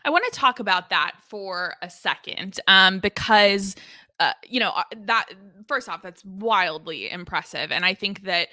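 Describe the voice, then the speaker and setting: A woman's voice: mid-range voice, animated, a little slow, sharp tone, dry recording, clean studio sound. A woman of thirty hosting an interview, enthusiastic and talking in long rambling questions. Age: 30s. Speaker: podcast host. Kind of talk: interview conversation.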